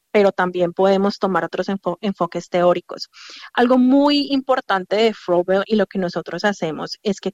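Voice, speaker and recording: A woman who works as an early childhood educator, answering interview questions in a thoughtful, explanatory way, pausing with fillers as she goes. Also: mid-range voice, dry recording. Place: childcare centre.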